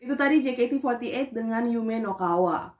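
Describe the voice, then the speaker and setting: A woman's voice: a little high, moderate pace. A young Indonesian woman chatting through a reaction video, gushing and teary, calling her viewers guys. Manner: gushing, emotional, slangy, addresses viewers as guys. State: teary, near crying. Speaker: YouTube reactor. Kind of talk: casual reaction video chat. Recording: echoey room with music playing behind.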